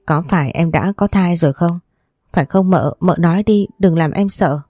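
A woman's voice: lowish voice, moderate pace, mellow, no echo, clean studio sound, faint music behind, natural voice. A woman voicing a frightened young servant girl who stammers and pleads.

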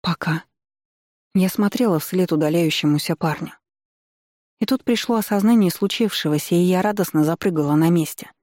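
A woman's voice: on the low side, a little fast, warm tone, dry recording. Woman narrating an audiobook, dry close sound. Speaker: audiobook reader. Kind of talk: first-person novel narration.

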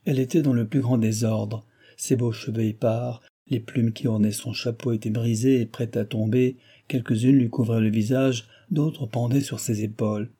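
A man reading a classic novel aloud in an even, measured narration. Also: mid-range voice, breathy edge. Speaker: audiobook narrator.

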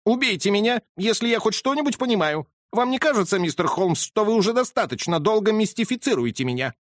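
Man doing a high, excitable old colonel. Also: brisk, no room sound, clean studio sound. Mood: overjoyed. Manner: agitated, exclaiming, indignant. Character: excitable aristocratic old male colonel, racehorse owner.

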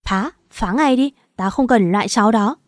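A woman's voice: fairly high pitch, normal speed, no echo, studio quality, close to an everyday voice. A woman voicing a stern, furious older father-in-law who gives blunt commands, in a storybook reading.

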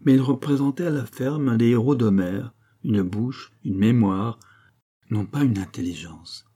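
A man narrating a classic novel as an audiobook, reading in measured, phrase-by-phrase delivery. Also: medium pitch, dark tone, husky.

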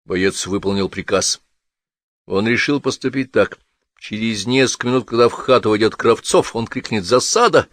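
A man reading a story aloud in a measured, steady storytelling manner. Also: lowish voice, dry recording. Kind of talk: scripted narration.

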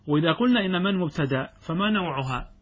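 A man explains Arabic grammar in a fast, expressive way, his voice fairly high and slightly rough. He reads the text aloud, goes through it step by step, and often answers the questions he asks the class.

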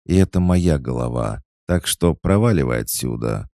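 A man's voice: extremely low pitch, lively intonation, normal speed, dark tone, dry recording, clean studio sound, voice pushed up. A man voicing a weary, frightened young empress who speaks in tense, clipped lines. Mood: defiant.

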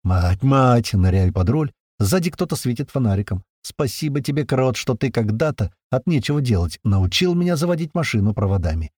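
Lively man narrating a swearing action story. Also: mid-range voice, fairly quick, few pauses, no echo, clean studio sound. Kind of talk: first-person audiobook narration.

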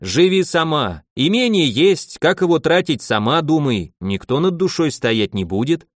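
A man voicing a calm, teasing middle-aged warrior who speaks in an easygoing, joking way. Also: on the high side, moderate pace, no echo, clean studio sound. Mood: advising.

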